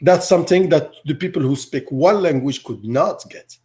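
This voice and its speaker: This is a middle-aged teacher from Morocco, a native Arabic speaker, with a somewhat high, slightly mellow voice. Responding to interview questions, he hesitates, repeats words, and restarts sentences.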